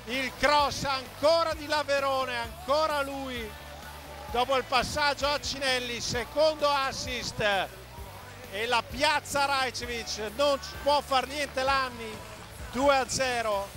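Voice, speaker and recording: A man giving excited, breathless, exclamatory football goal commentary with music behind him. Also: very high voice, slow. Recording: music over TV match commentary.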